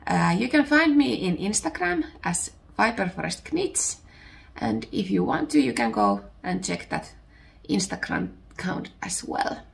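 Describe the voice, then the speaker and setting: A thirties-aged Finnish woman with a Finnish accent hosts a podcast in relaxed home conversation, her post-illness voice still recovering and her speech broken by pauses for words. She sounds low-pitched, very animated, with vocal fry.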